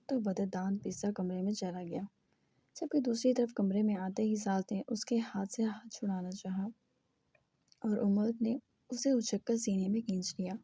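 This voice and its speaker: Woman audiobook narrator, steady read, dark husky tone. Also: mid-range voice, dry recording. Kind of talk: scripted narration of a romance novel.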